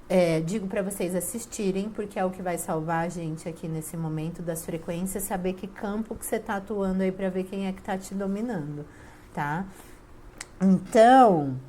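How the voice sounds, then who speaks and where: Her voice is lowish and dark, with a little background noise behind it. She is a spiritual family-systems teacher with a Brazilian Portuguese accent, talking informally to viewers and recounting her own stories with emphasis while acting out what people said.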